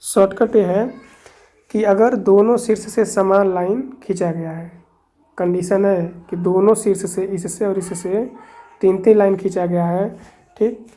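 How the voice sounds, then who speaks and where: A woman's voice: medium pitch, steady tone, a little slow, warm tone. A woman teaching a math lesson, explaining step by step and counting aloud with frequent checks. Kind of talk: explaining on a board.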